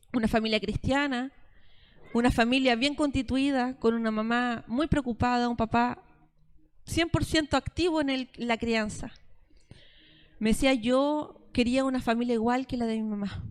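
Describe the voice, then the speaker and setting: A woman's voice: on the high side, smooth. A woman, preaching a sermon as pastor and acting out both sides of conversations as she tells stories.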